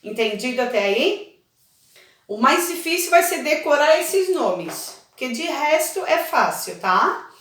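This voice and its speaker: A woman's voice: high voice, a bit bright. A woman teacher, patiently explaining a lesson step by step and checking that her students follow. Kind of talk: recorded online class lesson. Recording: very echoey room, voice from far off.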